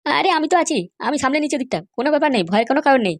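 Sly scheming fixer, rapid and boastful, voiced by a woman. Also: sits high, animated. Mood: smooth. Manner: glib, boastful and reassuring. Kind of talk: cartoon voice acting.

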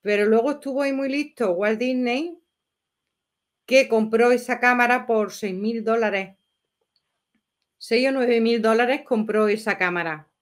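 A woman's voice: fairly high pitch, measured pace, pauses often. Chatty woman in her fifties. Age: 50s. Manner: chatty, rambling, exclamatory. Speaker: livestream host. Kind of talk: casual livestream chat.

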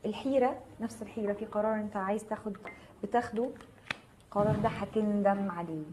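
Quick-talking Egyptian woman reading tarot. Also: medium pitch, warm tone, a little hiss or hum, poor audio. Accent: Egyptian Arabic. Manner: reassuring, speaks straight to viewers by name. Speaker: tarot reader host. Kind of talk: live tarot reading, answering viewer comments.

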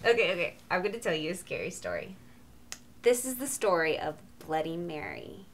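A woman's voice: lowish voice, wildly swooping pitch, normal speed, a little hiss or hum. Chatty woman telling a campy scary story. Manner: chatty, lots of "like" and "right?", acts out voices. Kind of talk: casual comedic storytelling.

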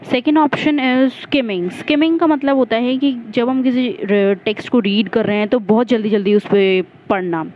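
A woman's voice: a little high, normal speed, hardly any pauses, lo-fi sound, slight background noise. A woman teacher walking through exam questions, explaining each term step by step and stopping to correct her own slips. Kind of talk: exam-prep lesson.

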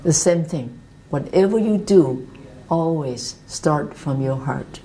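A Taiwanese woman in her fifties, with a Taiwanese accent, speaking earnest, halting English with restarts as she tells her life story, seated in an office meeting room. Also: deep voice, expressive, dark tone, rough recording. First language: Mandarin Chinese. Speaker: interviewee. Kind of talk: reflective life-story interview.

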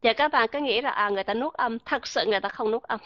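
Female classroom teacher who quizzes students and refers to herself by name; slightly high voice; muffled, dry recording. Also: fast talker, no echo. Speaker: English pronunciation teacher. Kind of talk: classroom lecture.

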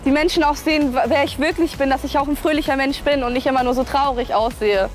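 A woman in her twenties speaks with a high voice, chatty and eager, in an outdoor street interview. Light music plays beneath her. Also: fast. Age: 20s. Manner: excited, chatty. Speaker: makeover contestant. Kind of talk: casual interview.

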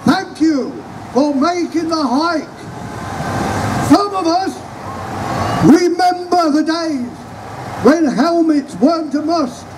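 High-pitched town crier, man bellowing slowly. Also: lively intonation. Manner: loud, slow, declamatory calling out. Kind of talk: town crier's proclamation, rhyming announcement. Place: outdoors in front of an event stage. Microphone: distant camera. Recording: outdoor noisy recording from far off.

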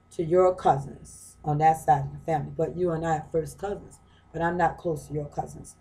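A woman's voice: low voice, darkish tone, rough recording. Woman lecturing casually from a reading. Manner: conversational, repeats and restarts phrases, asks rhetorical questions. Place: her home.

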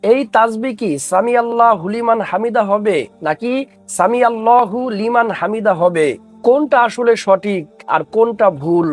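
High-voiced man hosting an Islamic video. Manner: formal, urging viewers to watch. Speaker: Islamic video channel host. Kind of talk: scripted presentation to viewers.

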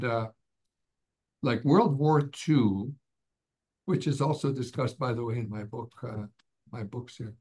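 A middle-aged Canadian author joins a casual interview by video call from his office, speaking through a webcam. His medium-pitched voice has a breathy edge, and he fills his talk with fillers and restarts.

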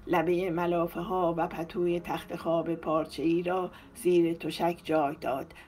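Woman calmly narrating a novel. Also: on the low side. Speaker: audiobook narrator.

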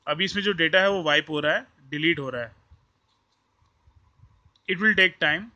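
His voice is on the high side, pushed and bright, a little slow, with the highs cut off in the audio. This Indian-accented tech tutorial host gives an informal hands-on walkthrough in mixed Hindi and English, moving step by step and repeating things.

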